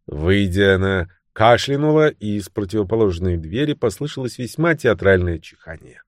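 A male audiobook narrator with a lowish voice that rises and falls widely as he reads. He performs the text expressively. The recording is close and dry, with no room echo. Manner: expressive reading, voices the characters' lines. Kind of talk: scripted narration.

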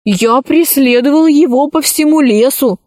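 A woman reading a children's story aloud, voicing an impulsive boy who talks eagerly and shouts. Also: high-pitched, measured pace, no echo, studio quality.

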